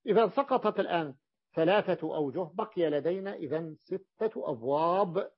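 Male sheikh teaching a class, slightly high voice, lo-fi recording, repeats examples slowly. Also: lively intonation, husky. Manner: repeats examples slowly, asks students if they follow. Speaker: sheikh teaching Arabic morphology. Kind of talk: classroom lesson explaining a text.

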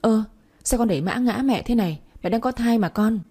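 A woman's voice: mid-range voice, fairly quick, mellow, breathy edge, lightly acted. A woman voicing a scheming, two-faced young stepmother who talks scornfully or falsely sweet, in a Vietnamese audio story. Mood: fake-sweet.

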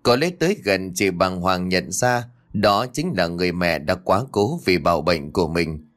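Một người đàn ông kể truyện ma theo kịch bản, giọng đều và kịch tính. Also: male voice, sits low, moderate pace, a bit bright. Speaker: storyteller. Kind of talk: scripted ghost story narration. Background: faint music.

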